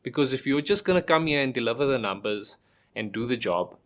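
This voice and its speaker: A middle-aged South African man, appearing as a podcast guest, talks casually in a mid-range voice that is brisk, lively in intonation and a little bright. He explains things with everyday examples, restarts phrases and asks rhetorical questions.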